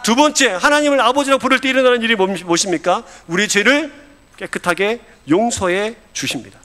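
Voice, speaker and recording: A man's voice: high-pitched, a little fast, bright, forceful tone, big-room sound. A man, an associate pastor, preaching a sermon and putting questions to the congregation.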